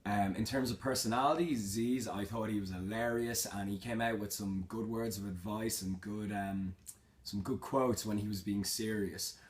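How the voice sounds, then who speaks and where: In his casual Q&A vlog, a young fitness vlogger reads questions out and replies informally and matter-of-factly, using slang. He has a fairly low voice, a steady tone, and speaks at normal speed.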